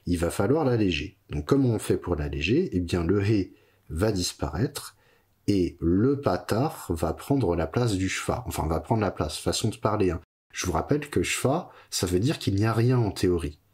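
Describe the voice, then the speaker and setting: A man teaching a recorded lesson, explaining slowly and methodically, checking in with his listeners as he goes. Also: low-pitched, darkish tone, slightly rough. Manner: slow, methodical explaining with frequent "d'accord?".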